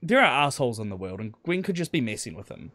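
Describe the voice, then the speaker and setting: A man speaking as a player in a tabletop game, quick and hesitant with many restarts. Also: mid-range voice, very animated, a bit bright, dry recording. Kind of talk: casual tabletop game talk.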